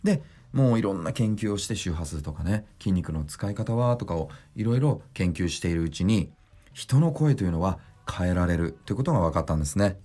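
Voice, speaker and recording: A male voice coach explains vocal resonance on his podcast, keeping his voice low and consciously chest-resonant. His delivery rises and falls expressively as he teaches and demonstrates sounds for listeners. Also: expressive, warm tone. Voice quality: deliberately deep chest resonance. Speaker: voice trainer. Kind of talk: podcast voice lesson.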